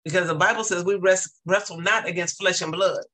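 Male teacher, high bright voice, emphatic repetitive preaching cadence, casual testimony. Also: fairly even intonation, brisk, low-quality recording.

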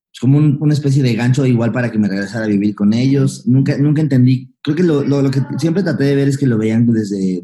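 A young Mexican man recounts his past in quick, tumbling speech, slipping into slang and acting out what people said. His voice sits very dark and low in color. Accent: Mexican Spanish. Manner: fast, slangy, acts out past dialogue. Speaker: guest, comedian. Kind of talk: candid storytelling interview.

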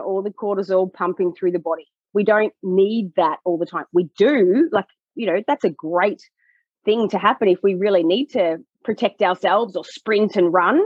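A woman pelvic health coach explaining her work in a podcast conversation, animated and acting out what clients say. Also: mid-range voice, no room sound, dull audio. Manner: animated, acts out clients' voices.

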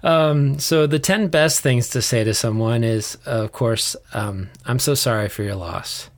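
A man's voice: medium pitch, unhurried. A man with an American accent, co-hosting a podcast in a conversational style. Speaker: podcast co-host.

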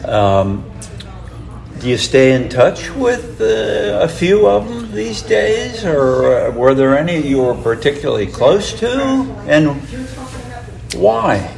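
Slow, halting male interview host. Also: on the high side, sing-song, vocal fry, a little mellow. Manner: halting, many uhs. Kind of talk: casual interview.

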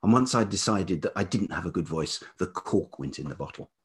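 His voice sits low, expressive and fairly quick with a breathy edge, yet velvety overall. He's a middle-aged writer and musician from England, a podcast guest who speaks thoughtfully and hesitantly, repeating words while he looks for them.

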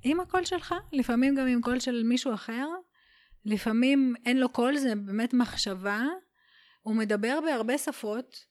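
A woman guest on a podcast, explaining spiritual ideas in an unhurried, warm way and dropping in English phrases. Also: a little high. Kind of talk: casual explanatory conversation.

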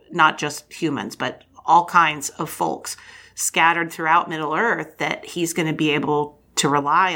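A woman's voice: fairly low pitch, a bit bright. A woman co-hosting a podcast, chatting casually and enthusiastically about a book, laughing often. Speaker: podcast co-host.

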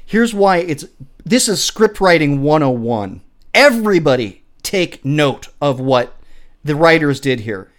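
Male podcast co-host: enthusiastic, analytical film chat, lively melodic delivery, restarts mid-sentence. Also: a little high, a little slow. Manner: enthusiastic, analytical, stumbles and repeats words. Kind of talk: casual film discussion.

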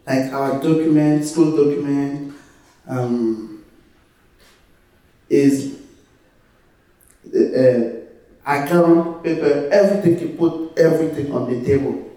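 A man from Ivory Coast with an Ivorian French accent, a native French speaker giving a personal testimony to a group in halting English, searching for words. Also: a little high, warm tone. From Ivory Coast, West Africa. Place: echoey room, away from the mic. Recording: very echoey room, distant mic.

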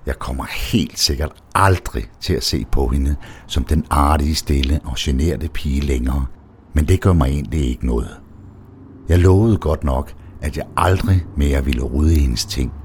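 A man calmly reading a first-person erotic audio story in a measured way. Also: extremely low pitch, a little hiss or hum. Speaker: narrator.

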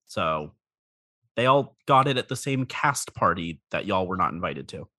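Guy running a tabletop game, bit of a cold, chatty and expressive, dry close mic. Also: low-pitched, moderate pace, dry recording. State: under the weather with a cold. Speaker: game master. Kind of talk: casual tabletop game narration.

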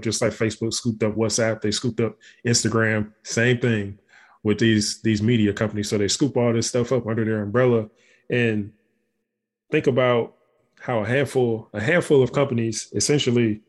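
A man co-hosting a podcast, talking in a loose, rambling way with many restarts. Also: mid-range voice. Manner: rambling, frequent restarts and fillers. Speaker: podcast co-host. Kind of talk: casual conversation.

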